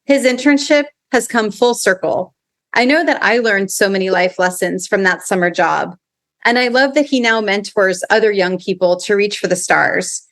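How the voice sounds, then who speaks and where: A woman hosts a podcast in a bright, upbeat way. She has a mid-range voice. She reads a prepared introduction and then chats easily with her guest. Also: mid-range voice, normal speed. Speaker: podcast host. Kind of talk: scripted intro, then casual interview.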